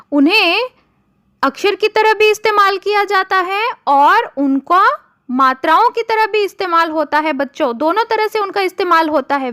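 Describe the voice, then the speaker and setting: A woman with a high voice gives a lesson to children. She talks slowly and stretches each example word so young learners can follow. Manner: slow, addresses children often, drawn-out example words. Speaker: Hindi teacher.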